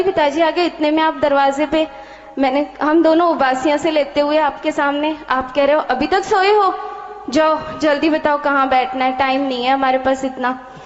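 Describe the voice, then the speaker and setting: A woman telling a personal testimony to a spiritual leader, animated, acting out many quoted exchanges. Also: high-pitched, moderate pace. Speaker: devotee sharing a testimony. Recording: dull, echoey hall sound.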